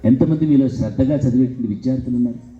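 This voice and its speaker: Speaking at a racing pace in a mid-range voice, a motivational speaker tells students in a school hall animated stories, leaning heavily on repetition. The recording is muffled.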